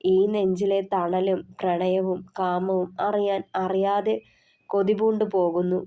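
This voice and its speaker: A woman narrating her own romance novel in a soft, measured storytelling voice. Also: medium pitch, flat delivery, muffled recording. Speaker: author and narrator.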